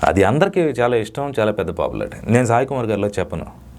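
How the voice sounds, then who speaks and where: A man, a dubbing artist, giving emphatic, lecturing interview answers with sudden loud rises. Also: on the low side, sing-song, fast talker.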